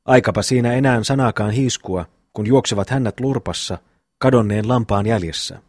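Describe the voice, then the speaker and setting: A man's voice: on the low side, dry recording, clean studio sound. A man reading a cheeky young rhymester. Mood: teasing, rhythmic. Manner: rhythmic sing-song recitation of rhyming verses. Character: bold young man, mocking rhymester brother. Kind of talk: audiobook reading.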